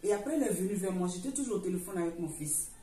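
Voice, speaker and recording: A woman's voice: lowish voice, lively intonation, rapid-fire, mellow. Earnest woman giving a church testimony. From Africa. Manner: earnest, repetitive storytelling with many restarts. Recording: roomy echo, far from the mic, faint noise.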